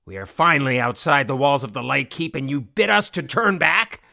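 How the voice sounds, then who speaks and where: A man playing a defiant warrior commander in a fantasy audiobook, with a hoarse, cracking but strong voice and an impassioned, oratorical delivery. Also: medium pitch, expressive, normal speed, bright, forceful tone. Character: defiant, fervent male warrior commander rallying his army. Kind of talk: dramatic fantasy audiobook acting.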